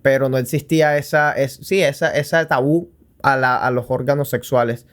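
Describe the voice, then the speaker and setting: A man's voice: mid-range voice, fairly even intonation, normal speed. Slangy Colombian coastal man chatting casually. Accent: Colombian Caribbean coast. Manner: slangy, joking, crude humour. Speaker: podcast co-host. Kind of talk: casual chat.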